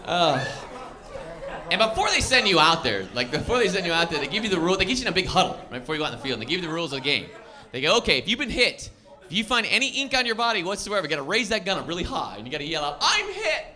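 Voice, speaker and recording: A man's voice: high voice, racing. A man doing a stand-up comedy set, telling stories and acting out the people in them. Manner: animated storyteller, acts out characters. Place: comedy club stage. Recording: live club with crowd noise. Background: audience laughter and room noise.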